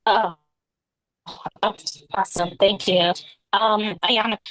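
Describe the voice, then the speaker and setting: Remote woman caller, choppy breaking-up stream, slow halting delivery. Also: mid-range voice, fairly even intonation, a bit bright, no room sound. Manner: halting, checking if she is heard. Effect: choppy, breaking-up online call audio. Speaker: remote meeting speaker. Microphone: video call.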